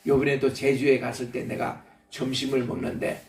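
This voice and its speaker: A man's voice: mid-range voice, little pitch movement, moderate pace, gravelly. An older man preaching a sermon in a church, folksy and anecdotal, chuckling as he tells stories. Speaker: pastor. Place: church sanctuary. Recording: echoey church from the mic's distance.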